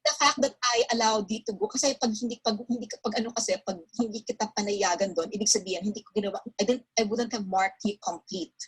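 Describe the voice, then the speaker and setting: A woman's voice: fairly high pitch, fast, hardly any pauses, slightly rough, poor audio. A woman professor, advising a student in rambling casual talk that mixes English and Tagalog. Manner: rambling, self-interrupting, switches between English and Tagalog. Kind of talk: casual Taglish advising chat.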